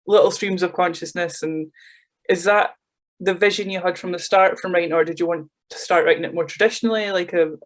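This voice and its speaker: A Scottish man interviewing an author, chatty and quick to agree with short backchannel replies. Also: high-pitched, fairly even intonation. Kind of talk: casual interview chat.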